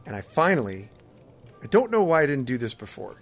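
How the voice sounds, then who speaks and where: A man's voice: medium pitch, very animated, a little fast, soft background music. A man co-hosting a podcast, chatting casually and explaining things in a conversational way. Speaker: podcast co-host. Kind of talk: casual chat, recounting gaming. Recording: faint background ambient noise.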